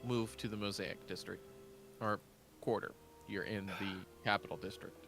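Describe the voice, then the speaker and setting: A man running an online tabletop game as game master, halting with fillers and often laughing. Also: lowish voice, fairly even intonation, vocal fry, over music.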